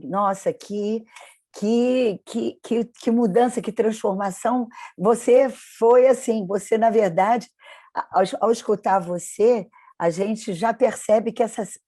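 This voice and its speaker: A woman's voice: medium pitch, dark tone, dry recording, clean studio sound. A woman hosting an interview, asking long, effusive questions and often repeating words while she searches for her phrasing. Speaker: interviewer, program host.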